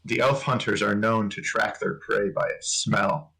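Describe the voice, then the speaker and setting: A man reading a serious male elf who speaks slowly and gravely, with a low, gravelly rasp. He explains the danger with calm in this spoken game story. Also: exaggerated voice, poor audio.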